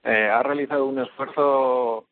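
A man's voice: mid-range voice, steady tone, measured pace, dry recording. A male teacher, answering a radio interview by phone, hesitant and full of fillers. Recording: tinny phone line.

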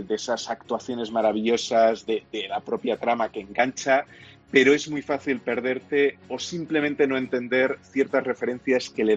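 A man's voice: medium pitch, highs cut off. A man with a Castilian Spanish accent giving an explanatory, opinionated review in a conversational radio segment. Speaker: television and film reviewer.

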